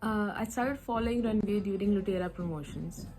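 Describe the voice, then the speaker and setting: A woman's voice: mid-range voice, a little fast, music in the background, poor audio. A woman giving a heartfelt fan testimonial. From India.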